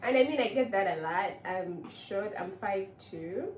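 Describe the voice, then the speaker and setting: A woman in her late twenties from Uganda hosting a casual couple's chat, bubbly and expressive. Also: medium pitch, roomy sound, recorded from a distance, dull audio. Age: 20s. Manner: bubbly, expressive, quick to laugh. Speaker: host.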